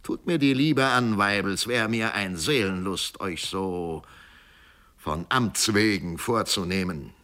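A man's voice: on the low side, takes it slowly, fairly bright tone. A man voicing a mocking, mock-polite older executioner who taunts his old enemy in a storybook reading. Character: sneering mocking male town executioner, older. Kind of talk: audiobook character voice.

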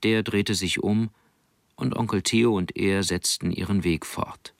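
A man calmly reading an audiobook as narrator. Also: low voice, unhurried, gravelly, no echo, clean studio sound.

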